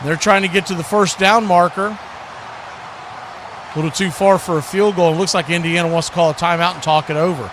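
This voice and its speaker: A male play-by-play announcer calls live football in a high-pitched voice. Clear background noise sits behind his commentary as he follows the game snap by snap. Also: steady tone, moderate pace.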